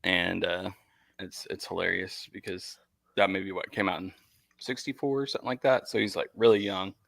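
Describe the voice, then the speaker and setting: A man with a low, gravelly voice chats as a podcast guest, animated and quick to laugh. His tone is sharp and bright, and the sound is dry and close. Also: no room sound. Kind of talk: casual podcast chat.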